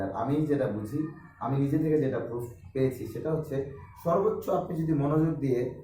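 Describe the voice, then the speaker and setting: A man's voice: mid-range voice, a little mellow. Man teaching in an echoey classroom. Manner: spells words out slowly letter by letter. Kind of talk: classroom lecture. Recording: echoey room, mic far off, faint noise.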